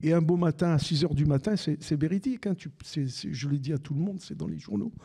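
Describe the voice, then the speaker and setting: An older man with a Marseille accent, telling lively anecdotes as a podcast guest and acting out the dialogue. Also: fairly high pitch, fast talker, gravelly, husky. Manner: animated anecdotes with repeated restarts and acted-out dialogue. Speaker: guest, former sports radio commentator. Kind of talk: storytelling in a live podcast conversation.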